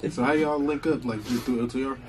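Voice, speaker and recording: A man's voice: mid-range voice, steady tone, fast, a little hiss or hum. A man interviewing a guest, asking laid-back, slangy questions from off-mic.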